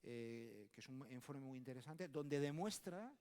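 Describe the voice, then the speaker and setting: Un hombre español, autor de un libro, hablando en un panel de congreso, de manera enfática y enumerando ideas. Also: male voice, mid-range voice, expressive, unhurried, a little mellow. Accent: Spanish from Spain. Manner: emphatic, lists ideas, frequent tag questions. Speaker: book author and speaker. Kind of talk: conversational panel talk. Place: conference hall. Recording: long hall reverb.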